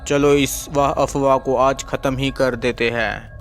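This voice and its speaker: Brief: man playing a swaggering young guy brushing off ghost talk, flat and easy, music behind. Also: mid-range voice, a little slow, natural voice. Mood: dismissive. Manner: laughing off danger, casual. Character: cocky young man mocking the rumours.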